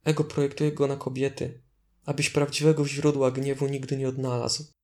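A man leading a guided meditation as instructor, speaking in a calm, deliberate way with gentle prompts. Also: mid-range voice.

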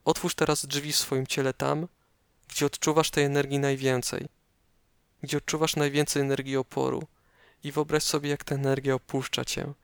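A man narrating a guided meditation slowly and calmly, giving measured instructions with pauses, close up as if right in your ear. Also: medium pitch, vocal fry, smooth, no echo.

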